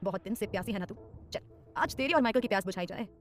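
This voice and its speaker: A woman voicing an obsessive, menacing male mafia boss in a low, hushed tone. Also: quick pace, a little hiss or hum, lightly acted.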